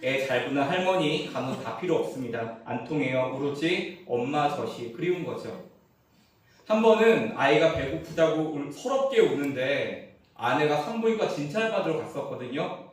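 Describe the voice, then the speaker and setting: A man in his forties preaching as a pastor, telling a humorous family story that swings between hushed asides and emphatic punchlines. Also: fairly high pitch, animated, moderate pace. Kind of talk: sermon. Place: church sanctuary. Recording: roomy church echo, mic at a distance.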